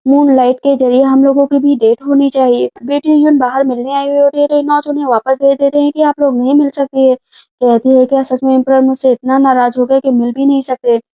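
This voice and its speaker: Woman recap narrator, high voice, casual storytelling, acts out the dialogue lightly, dull lo-fi recording. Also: flat delivery, brisk. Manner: retells scenes, speaking the characters' lines in her own voice. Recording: dull lo-fi sound.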